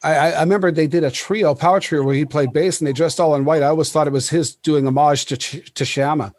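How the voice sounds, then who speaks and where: A man hosting a casual chat, telling stories in an animated way with laughs and many restarts. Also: fairly high pitch, fast. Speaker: podcast host.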